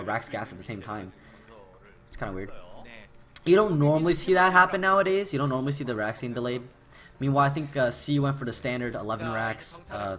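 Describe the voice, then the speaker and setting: A male commentator calls a video game match on his own in a loose, rambling way, swearing casually and breaking into excited shouts. His pitch swings widely and sounds lively. His voice is tired and his throat is dry. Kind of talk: casual esports play-by-play commentary. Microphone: new desktop microphone.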